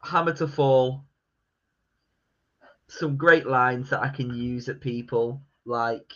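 Bright-voiced man, lo-fi podcast. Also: medium pitch, slow pace. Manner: laughing, quoting film lines. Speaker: podcast co-host. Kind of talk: casual film chat. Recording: dull lo-fi podcast audio.

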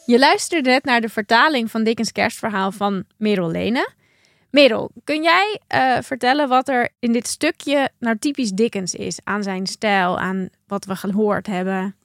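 Woman podcast host, high-pitched, dry. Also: measured pace, no echo. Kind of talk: interview hosting.

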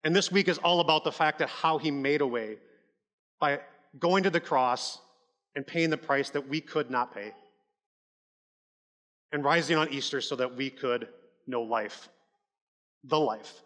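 Male pastor, conversational but emphatic sermon delivery, bright tone, long hall reverb. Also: medium pitch, measured pace, long pauses. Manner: conversational, emphatic preaching with frequent "like" and restarts.

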